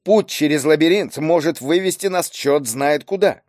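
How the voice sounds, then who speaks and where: A man's voice: a little high, moderate pace, darkish tone, no echo, studio quality, close to an everyday voice. A male narrator voicing an impatient, brusque man who is a boss. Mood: irritated. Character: irritable, decisive man, a boss.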